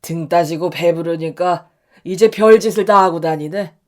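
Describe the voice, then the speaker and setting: A contemptuous, domineering middle-aged husband, played by a woman in a radio story drama. He barks and sneers in a voice pitched a little low and pushed loud. Every line is aimed down at his wife. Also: moderate pace, lightly acted. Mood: sneering. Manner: shouting, contemptuous.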